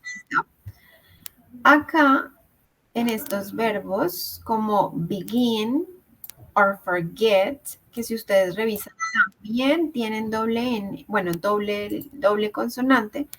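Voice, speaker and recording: A woman's voice: mid-range voice, slow, poor audio. A woman teaching English grammar in an online class, explaining step by step and checking in with her students. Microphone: video call.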